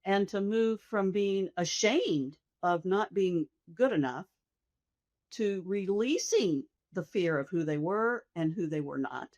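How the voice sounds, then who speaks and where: An older woman, a hospice nurse, answering interview questions reflectively in a soft, slow, thoughtful, measured manner. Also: medium pitch, animated, dry recording.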